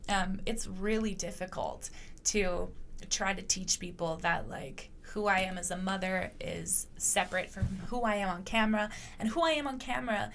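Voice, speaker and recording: A young woman talks through her own podcast in a loose, rambling monologue. Her voice carries a gravelly fry, and she speaks bluntly, swearing freely. A faint hiss of background noise sits under her voice. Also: mid-range voice, fairly bright tone. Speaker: podcast host. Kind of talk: casual monologue.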